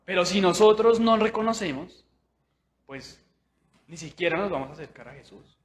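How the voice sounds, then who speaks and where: A young man preaching a sermon in a church, chatty and animated, asking his listeners questions and acting out what people think. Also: high voice, moderate pace. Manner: conversational, with tag questions; animated, acts out inner voices.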